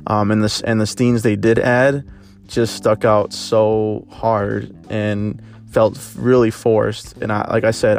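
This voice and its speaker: A young man talks through a movie review in a low, even voice that barely rises or falls. He hedges and restarts often, leaning on filler words as he thinks aloud. Soft guitar music plays faintly underneath. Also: vocal fry. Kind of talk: casual spoken film review.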